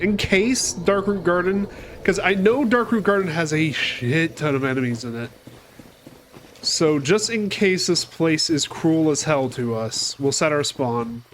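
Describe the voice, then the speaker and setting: Slight background noise runs under this medium-pitched male voice. The speaker, a gaming channel host battling a cold, keeps up a chatty let's-play, cursing occasionally and talking back to on-screen foes.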